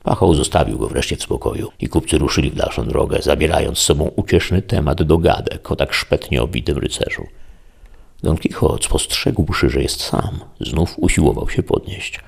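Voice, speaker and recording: Deep gravelly male narrator. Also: lively intonation. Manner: measured, storytelling. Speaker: audiobook narrator. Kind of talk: scripted narration of a classic novel.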